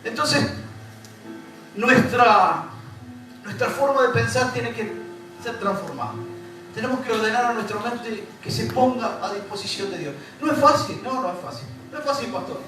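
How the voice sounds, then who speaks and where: Heard from a distance in an echoey church hall with music playing, a man from Uruguay preaches as pastor in Rioplatense Spanish. His very high voice is expressive and moves at a moderate pace, and he repeats phrases, builds emphasis, and addresses the congregation directly.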